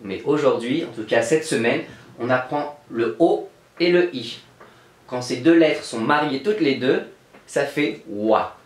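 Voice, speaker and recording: A male teacher giving a remote lesson to young children, taking his time and spelling out each sound with patient care. His voice sits at an ordinary middle pitch. The room around him rings with a noticeable echo. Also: unhurried. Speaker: kindergarten teacher.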